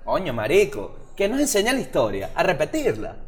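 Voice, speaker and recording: A man's voice: a little high, fairly quick. A man with a Venezuelan accent, co-hosting a casual chat full of slang and jokes. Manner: slangy, animated, joking. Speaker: podcast co-host.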